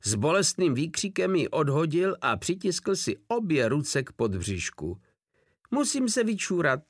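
Male audiobook narrator, even storytelling read, dry close sound, middle pitch. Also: no room sound. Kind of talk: scripted narration.

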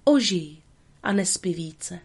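A woman voicing a gentle, graceful fairy in a storybook reading, speaking softly and solemnly. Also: fairly low pitch, expressive, slightly rough. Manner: soft and solemn.

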